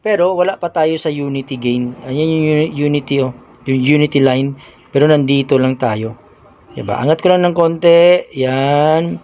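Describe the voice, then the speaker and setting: Filipino-style tech vlogger, slightly high voice. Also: male voice, normal speed, dull audio. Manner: explains step by step, shouting test calls into the mic. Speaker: audio equipment vlogger. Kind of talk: casual how-to demonstration. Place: small room with a mixer and speaker.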